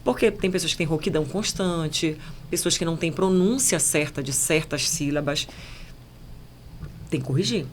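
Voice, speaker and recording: A woman journalist with a Paraense Brazilian accent, speaking as a podcast guest in a measured, emphatic, explanatory way. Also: low voice, slight background noise. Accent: Paraense Brazilian Portuguese. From Belém, Pará, Brazil. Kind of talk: podcast conversation.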